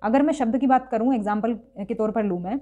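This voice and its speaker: Female teacher, slightly high, mellow voice, patient and methodical, lo-fi sound. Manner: patient, repeats sounds slowly to show pronunciation. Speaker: Hindi grammar teacher. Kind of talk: classroom-style lesson.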